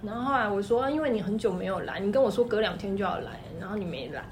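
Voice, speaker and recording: A woman with a Taiwanese Mandarin accent, a clothing shop owner telling stories in an animated, emphatic way. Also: mid-range voice, slight background noise. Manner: animated, fast-talking, emphatic. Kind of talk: casual storytelling chat.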